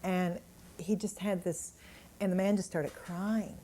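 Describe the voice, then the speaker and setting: A woman speaking to a gathered audience in an indoor room, sharing healing stories in an animated, chuckling way. Her voice sits somewhat low and sounds mellow and warm. The tone is that of a workshop talk mixing anecdotes with demonstration. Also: a little slow, slight background noise. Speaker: energy healer giving a workshop talk.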